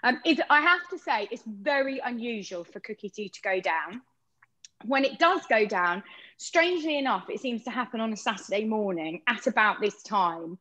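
A woman's voice: fairly high pitch, animated, normal speed, pushed and bright, rough recording. A woman giving a live cooking demo over a video call from a kitchen, chatty and explaining step by step. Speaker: cooking appliance demonstrator.

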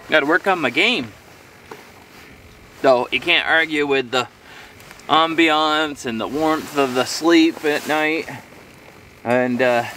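A man's voice: mid-range voice, pushed and bright, recorded from a distance, a little hiss or hum. A middle-aged man in a casual solo outdoor vlog, rambling easily to himself while he eats, recorded outdoors by a camera a few metres off. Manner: rambling, easygoing, talking to himself while eating. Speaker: outdoor vlogger. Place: outdoors on a frozen lakeshore in winter. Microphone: camera on a tripod a few metres away.

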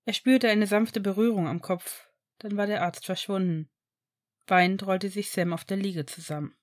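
A woman reading a novel aloud in steady, scripted storytelling narration. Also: mid-range voice, moderate pace. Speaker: audiobook narrator.

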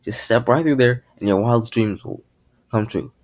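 A man's voice: mid-range voice, moderate pace, a little mellow, close to an everyday voice. A man voicing an eccentric, cheerful circus clown with a grand showman's delivery, in a storybook reading. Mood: grandly wise.

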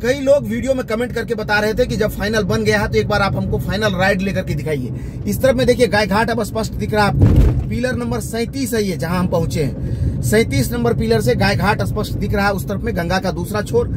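A man, reporting as he drives, giving running commentary from inside a car. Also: high voice. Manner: running commentary while driving. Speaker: local news reporter. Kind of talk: on-the-road video report. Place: inside a moving car on a bridge, outdoors at the end. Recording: road and traffic noise.

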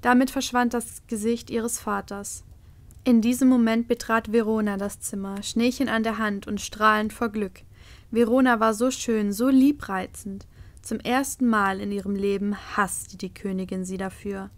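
A woman narrating a storybook chapter aloud as an audiobook reader, telling it calmly and expressively. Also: medium pitch, moderate pace.

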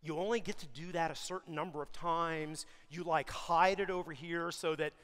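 A middle-aged man gives an energetic, emphatic keynote for an industry association on a large conference stage, hitting key words hard while speeding up and slowing down for stress. His clear, resonant voice sits on the high side, and the big venue adds a long hall reverb.

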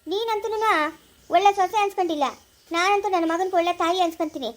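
A woman with a rural Chikkaballapura Kannada accent playing a bitter village woman who shouts and scolds in a family feud. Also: very high voice, fast talker. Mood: angry scolding.

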